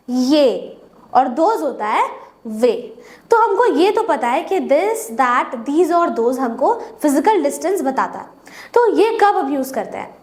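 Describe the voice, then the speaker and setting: High-voiced woman teaching grammar. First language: Hindi. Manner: asks and answers her own questions. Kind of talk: explaining grammar step by step. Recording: echoey room.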